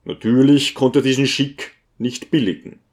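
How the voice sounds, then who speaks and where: A man reading a novel aloud as an audiobook, with expressive storytelling. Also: medium pitch, normal speed. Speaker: audiobook reader. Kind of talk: scripted audiobook narration.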